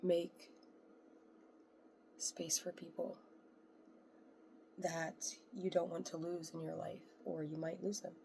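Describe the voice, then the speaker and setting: Woman, astrology reader, casual and rambling, quiet delivery with a crude edge; very gravelly, low and flat. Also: slow pace, pauses often, a little hiss or hum. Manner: soft, rambling, blunt and profane. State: voice quiet today. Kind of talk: casual tarot-style astrology talk.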